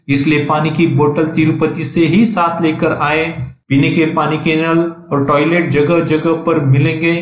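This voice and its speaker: A man's voice: fairly high pitch, slight background noise. Man narrating a travel vlog, echoey. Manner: steady, plainly read narration with practical tips. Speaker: travel vlogger.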